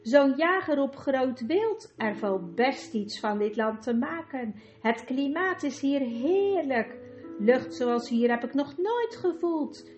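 A woman reading an audiobook and voicing a greedy, excitable sixty-year-old man who gushes and schemes. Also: sits high, takes it slowly, soft background music. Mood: musing. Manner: gushing, scheming, rubs hands with glee. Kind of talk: audiobook character voice.

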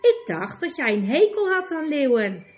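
A woman's voice: high-pitched, very animated, moderate pace, darkish tone, faint music behind, pitched above the performer's own voice. A woman doing a blunt, proud young girl.

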